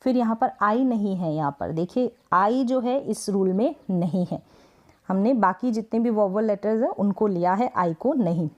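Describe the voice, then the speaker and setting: A woman's voice: mid-range voice, lo-fi sound. A woman teaching English spelling rules, patiently repeating points and asking herself questions before answering them. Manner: patient, repetitive, asks and answers own questions; drawn-out word sounding. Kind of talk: Hindi-language spelling lesson.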